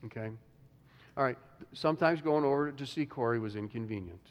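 A man's voice: mid-range voice, fairly quick, lo-fi sound. A man preaching a conversational sermon as pastor, full of restarts and "you know", with occasional chuckles. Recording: long reverb of a hall.

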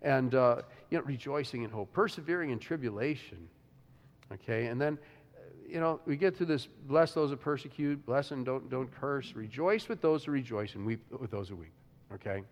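A man's voice: mid-range voice, moderate pace. A man preaching a conversational sermon as pastor, full of restarts and "you know", with occasional chuckles. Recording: long reverb of a hall.

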